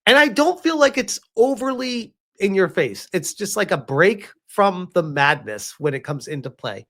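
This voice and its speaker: His voice sits high, pushed and bright, very animated at a normal speed. The man is streaming, reading and reacting to a game review with live chat, his commentary casual, exasperated and sarcastic, peppered with chuckles and swearing.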